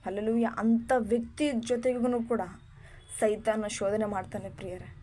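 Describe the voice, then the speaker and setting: A woman's voice: on the high side, steady tone, normal speed, mellow. A woman preaching a sermon. She repeats hallelujah, calls her listeners beloved, and keeps asking them why they are afraid. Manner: asks the listener repeated rhetorical questions.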